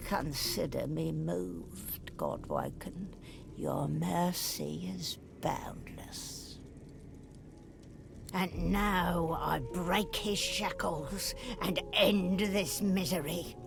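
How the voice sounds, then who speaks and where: Game role: an anguished dying sorceress spirit, very slow, gravelly, desperate, over music. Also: female voice, fairly low pitch, sing-song, heavily acted. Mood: relieved, bitter. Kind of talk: dramatic video game acting.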